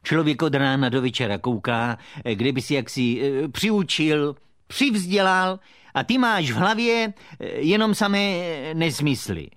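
A man's voice: a little high, lively intonation, a bit bright, dry recording, clean studio sound. A man playing a pompous, pedantic puppet father who lectures his son in a comic puppet theatre dialogue.

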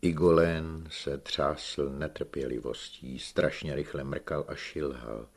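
A man reading a novel aloud as an audiobook narrator, in measured, unhurried scripted narration. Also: extremely low pitch, steady tone.

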